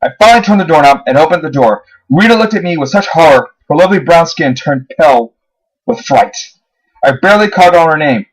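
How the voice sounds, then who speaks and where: Man reading a lively horror story. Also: a little fast, poor audio. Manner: lively, rising pitch on dramatic moments. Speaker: narrator.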